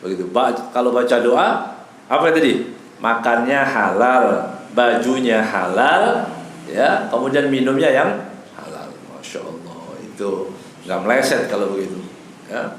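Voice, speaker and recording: A man's voice: mid-range voice, lively intonation, a little slow. A man giving a casual evening lecture in a mosque, teaching with Arabic phrases mixed in and acting out quoted voices with humor. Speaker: religious teacher. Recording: echoey hall, faint background noise.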